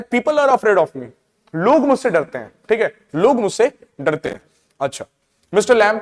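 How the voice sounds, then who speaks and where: High-voiced male teacher in an echoey room. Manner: reads English lines slowly, then explains in Hindi; frequent checking fillers. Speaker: English teacher. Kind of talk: line-by-line lesson explanation.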